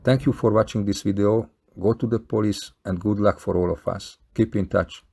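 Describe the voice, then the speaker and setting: Male video maker, Hungarian accent, lowish gravelly voice, earnest and plain-spoken direct appeal. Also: fairly even intonation, normal speed, a little mellow. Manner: earnest, plain-spoken, non-native phrasing. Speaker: video maker appealing to fellow scam victims. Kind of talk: scripted appeal to camera.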